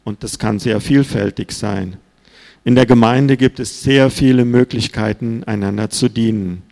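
Gravelly-voiced man preaching in a church hall. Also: medium pitch, normal speed, darkish tone. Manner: earnest, plain-spoken, reads scripture aloud. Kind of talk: sermon. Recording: reverberant hall.

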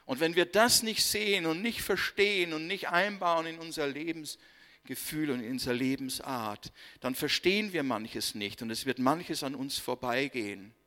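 A man preaching a sermon, slow and emphatic, with dramatic pauses and line endings that fade to near silence. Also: fairly high pitch, bright, forceful tone. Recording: long hall reverb.

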